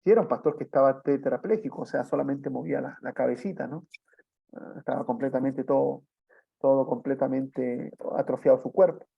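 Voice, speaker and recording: A man's voice: medium pitch, steady tone, fairly quick, gravelly, husky. A man preaching a sermon, telling a testimony in a storytelling way and often adding tag questions. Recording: dull lo-fi sound.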